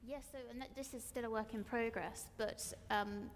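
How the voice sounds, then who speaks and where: Flat-toned woman with a gravelly edge. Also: a little high, normal speed. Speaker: panelist, law firm staff. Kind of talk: panel discussion. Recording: reverberant hall with faint ambience.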